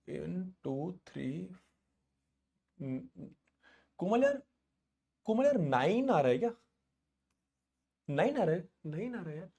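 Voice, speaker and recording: A man's voice: on the high side, a little mellow. A young man teaching math in a casual live online class, thinking aloud and playfully teasing a student.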